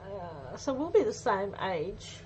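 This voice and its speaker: A woman in her forties hosting a craft livestream speaks slowly in a slightly mellow, mid-range voice, yet she's very animated. She chats casually with viewers and thinks aloud during the live demonstration. The audio is muffled, with faint noise in the background.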